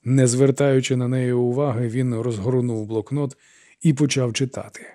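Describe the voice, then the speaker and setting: Чоловік читає аудіокнигу м'яким темним голосом. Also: male voice, mid-range voice, fairly even intonation, moderate pace, mellow, no echo, clean studio sound. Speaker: narrator. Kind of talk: audiobook narration.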